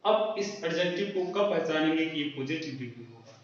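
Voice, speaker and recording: A man teaches a grammar class at a board, asking his students questions and answering them himself. His voice sits a little high and is heard from across a very echoey room. The recording is dull and lo-fi. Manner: explains slowly, asks and answers his own questions. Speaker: English teacher. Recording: roomy echo, distant lo-fi mic.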